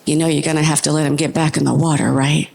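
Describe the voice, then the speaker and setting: Woman doing her ex-husband, low and steady, kinda insistent. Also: fast talker, creaky.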